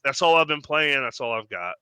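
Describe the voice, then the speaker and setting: Animated man with a bright, crisp voice. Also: mid-range voice, brisk, no room sound, poor audio. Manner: animated, swears freely, mimics voices when telling stories. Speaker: podcast co-host. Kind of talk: casual chat.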